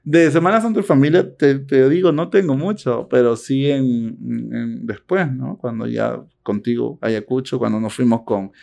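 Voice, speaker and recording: Un hombre de voz media y acento peruano que, como copresentador de un pódcast, conversa de forma relajada, reflexiva y con humor. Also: male voice, mid-range voice, normal speed, creaky, few pauses, warm tone. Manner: reflective, teasing, with many fillers. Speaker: podcast co-host. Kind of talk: casual conversation.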